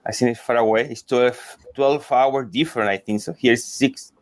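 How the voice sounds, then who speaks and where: A man from Chile introducing himself on a panel, halting and searching for words. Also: mid-range voice, no room sound. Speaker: panelist, e-commerce consultant.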